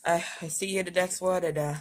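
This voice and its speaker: A woman vlogging casually while in burning pain from a hot pepper, stammering and halting with many fillers. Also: on the low side, steady tone, darkish tone. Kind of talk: casual vlog.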